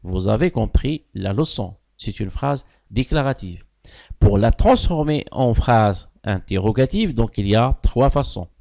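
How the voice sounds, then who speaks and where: A male teacher explains grammar in a slow, deliberate way. His voice swings widely in pitch, and he punches key words with sudden loud lifts. He often praises the pupils' answers. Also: expressive, gravelly. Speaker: primary school French teacher. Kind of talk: classroom grammar lesson.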